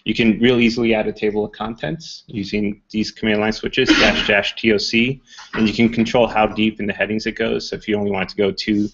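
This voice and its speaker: Man, low voice, casual tech talk, lots of ums, muffled recording. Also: brisk, heavy background noise. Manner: relaxed, many ums and uhs, restarts. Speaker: presenter.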